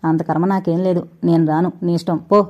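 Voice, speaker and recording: A woman's voice: on the low side, fairly even intonation, quick pace, natural voice. A woman reading the lines of a teasing, short-tempered young man in an audio novel, with a mocking, playful manner, on a dull lo-fi recording. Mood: irritated.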